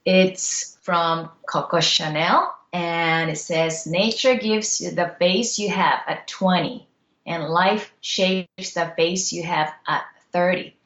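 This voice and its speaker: A middle-aged Japanese woman with a Japanese accent speaks slowly in a lowish, fairly bright voice as an interview guest in casual conversation. She is earnest and reflective, using simple English phrasing, and the sound is roomy and lo-fi.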